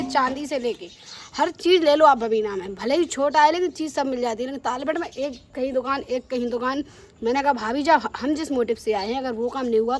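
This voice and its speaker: A young woman chatting casually to her vlog viewers, teasing and animated. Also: sits high, slight background noise. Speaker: vlogger.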